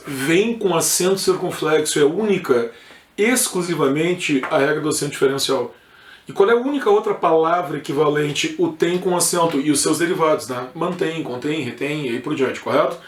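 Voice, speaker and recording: A man's voice: on the high side, normal speed. A man with a southern Brazilian accent from Rio Grande do Sul, teaching an informal exam review lesson and often checking in with his students. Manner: informal, peppered with checks like "correto?" and "tá?". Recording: echoey room.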